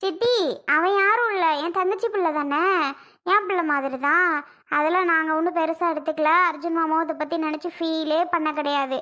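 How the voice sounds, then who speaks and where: Woman voicing a high-pitched, reassuring young niece. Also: fairly quick, sharp tone. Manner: soothing, dismissive. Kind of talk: home-made cartoon voice acting.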